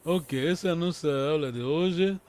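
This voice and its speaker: A man's voice: fairly high pitch, normal speed, darkish tone. A man teaching a language lesson, patiently repeating words and correcting his students' pronunciation.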